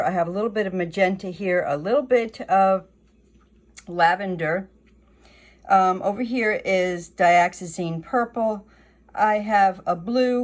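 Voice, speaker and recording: A woman talking through her oil painting as she works, thinking aloud in a casual, unhurried way. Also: lowish voice. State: hiccuping. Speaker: painting instructor. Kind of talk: casual painting tutorial narration.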